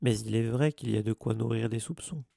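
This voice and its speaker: Un homme qui joue un professeur méprisant, au ton narquois et moqueur. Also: male voice, medium pitch, brisk, creaky, warm tone, no room sound, clean studio sound. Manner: sneering, mocking. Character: cold sneering male teacher.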